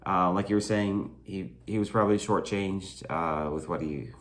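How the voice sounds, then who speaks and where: A man co-hosting a podcast, talking in a relaxed, agreeable way with many fillers. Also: low voice, moderate pace. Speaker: podcast co-host. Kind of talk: casual chat recapping a reality show.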